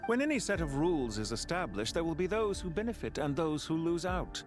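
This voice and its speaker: An actor playing a composed, philosophical man in a video game, speaking in formal, deliberate phrases. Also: fairly high pitch, sing-song. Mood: solemn, cool. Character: composed, philosophical man bidding a measured farewell. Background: music.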